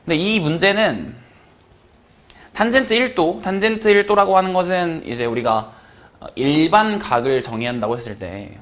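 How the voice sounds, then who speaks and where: A man teaching math in a relaxed, rambling lecture, full of fillers and small chuckles. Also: a little high, normal speed. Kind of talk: casual lecture.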